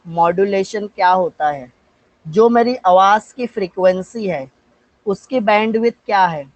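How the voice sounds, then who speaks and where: High-voiced Indian physics teacher lecturing. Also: male voice, no room sound, muffled recording. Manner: asks and answers his own questions, mixes English terms into Hindi; slows down to dictate English definitions. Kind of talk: live online class lecture.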